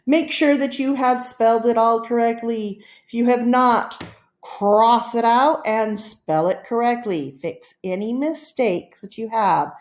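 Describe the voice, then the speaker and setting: Slow, patient woman teacher. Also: fairly high pitch. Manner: patient, deliberate, reads words one at a time. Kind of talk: slow, step-by-step classroom instruction.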